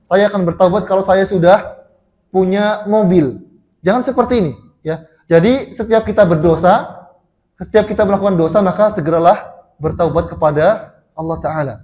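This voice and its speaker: High-voiced Indonesian man preaching. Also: moderate pace, darkish tone, dull audio. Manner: storytelling, restarts and fillers, addresses congregation. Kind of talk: mosque sermon. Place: mosque.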